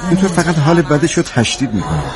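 A man's voice: on the high side, sing-song, over a noisy crowd. A man playing a hospital doctor, firm and reassuring with patients and their family. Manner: firm, reassuring bedside manner.

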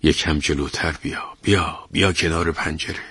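A man doing a hushed, scheming old merchant. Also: extremely low pitch, steady tone, husky, dry recording, clean studio sound, heavily acted. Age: older. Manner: hushed, conspiratorial.

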